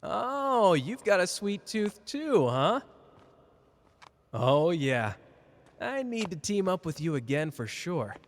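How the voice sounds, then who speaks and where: A man's voice: high-pitched, big pitch swings, takes it slowly, full character voice. Man acting cocky, flirty Gojo in long reverb. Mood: playful, flirty. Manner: teasing, casual, boastful. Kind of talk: ASMR character roleplay addressed to listener.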